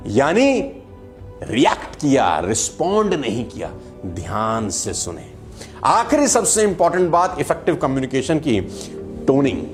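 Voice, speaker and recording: A man giving a motivational talk to camera, animated and storytelling, with acted quotes and jokes. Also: medium pitch, measured pace, soft background music. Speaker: motivational speaker and video creator.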